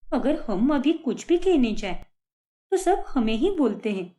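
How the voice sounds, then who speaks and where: Brief: woman as a steady cartoon big sister, soothing then firm. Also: sits high, a little slow. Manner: soothing, resolute. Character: young elder sister, calm and determined. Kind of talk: cartoon voice acting.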